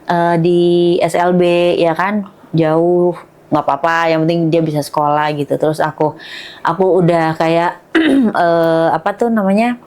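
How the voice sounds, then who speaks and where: Young woman, tearful, halting, searches for words, emotional interview guest. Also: low-pitched, steady tone, a little mellow. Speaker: podcast guest, bereaved mother.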